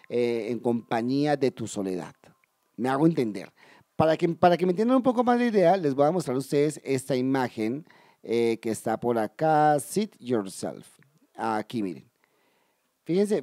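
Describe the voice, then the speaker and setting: A man teaching English in a video lesson, explaining step by step, addressing viewers directly and slowly repeating key words. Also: fairly high pitch, mellow, no room sound, studio quality. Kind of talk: video lesson for Spanish speakers.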